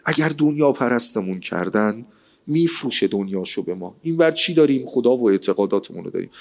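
A man giving a lively, colloquial sermon, asking rhetorical questions and reciting scripture. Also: mid-range voice. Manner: rhetorical, animated, quotes scripture. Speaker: religious speaker.

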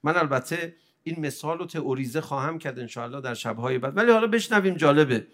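A man's voice: fairly high pitch, lively intonation. Impassioned male preacher. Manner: emotive, swings from quiet to loud pleading. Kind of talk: religious sermon.

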